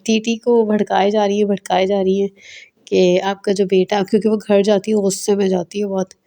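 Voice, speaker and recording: A woman's voice: medium pitch, little pitch movement, warm tone. A woman with a Pakistani Urdu accent, recapping a TV drama episode in a casual, chatty way and briefly voicing the characters' lines as she retells them. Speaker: drama reviewer.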